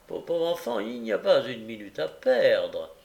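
Man voicing a gentle old gentleman, gravelly, roomy sound, audiobook. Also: a little high, huge pitch swings, measured pace, voice pushed up, exaggerated voice. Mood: kindly. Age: older. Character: kind, absent-minded old gentleman.

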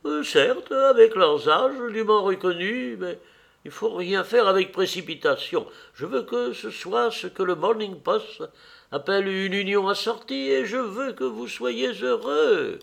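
A man voicing an old society hostess, a bossy matchmaker who talks in a fussy, commanding way with a raised, fluttery pitch. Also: expressive, unhurried, creaky, fairly bright tone, heavily acted. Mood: chiding.

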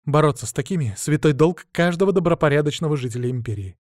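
A man's voice: a little high, lively intonation, fast talker, dry recording, studio quality, voice pushed up, lightly acted. A man voicing a proud, stern woman who is a battle priestess, lecturing righteously in an audiobook.

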